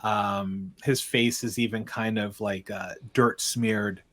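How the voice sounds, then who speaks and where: A man narrating a tabletop game as game master, halting and filling pauses with ums and uhs. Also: lowish voice, steady tone, a bit bright.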